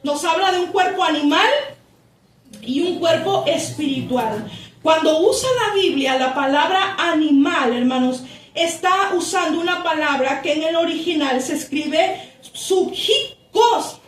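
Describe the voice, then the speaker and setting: A woman pastor with a high voice preaches at an unhurried pace, drawing out key words as she reads and explains scripture. She is recorded from some distance in a roomy, echoing church. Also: slight background noise. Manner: slow, deliberate reading that stretches key words, with asides to the congregation. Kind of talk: sermon, reading and explaining scripture. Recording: echoey church room, voice from a distance.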